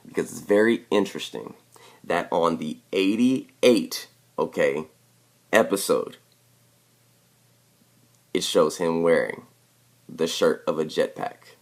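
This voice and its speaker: A man with a very low voice talks through his theory over video clips. He drives each point home and keeps tagging on a questioning "okay?" as he goes. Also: slow, vocal fry, long pauses, darkish tone. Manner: emphatic, repeats "okay?" to press points. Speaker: video commentator. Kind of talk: explanatory commentary over clips.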